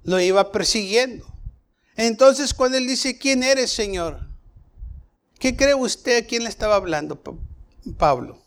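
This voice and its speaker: A man's voice: high voice, animated, normal speed. A man preaching a Bible study sermon, going through the passage verse by verse and asking his listeners questions.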